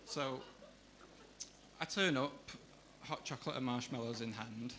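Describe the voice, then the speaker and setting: A man doing deadpan stand-up, pausing and hesitating between lines. His voice sits at a middle pitch. Room noise comes through clearly behind him. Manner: deadpan, hesitant delivery with fillers. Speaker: stand-up comedian. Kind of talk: stand-up comedy. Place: comedy club stage.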